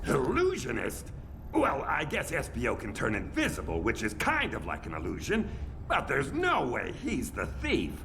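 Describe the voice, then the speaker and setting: A man's voice: medium pitch, huge pitch swings, normal speed, fairly bright tone, slight background noise. A man playing a brash, streetwise crocodile detective in a cartoon audio drama, with blustery tough-guy delivery. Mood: easygoing.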